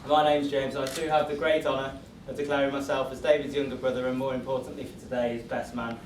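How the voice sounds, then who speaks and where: A man's voice: mid-range voice, flat delivery, fast talker. A man giving a scripted wedding toast as best man, joking in a self-deprecating way. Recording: echoey room, distant mic, noisy venue.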